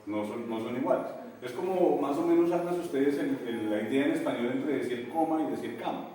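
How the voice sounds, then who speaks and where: A man with a Colombian accent teaching English in a classroom, animated and addressing his students with local slang. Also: medium pitch, a little fast. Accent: Colombian Spanish. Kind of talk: classroom lesson. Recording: echoey classroom, from far off.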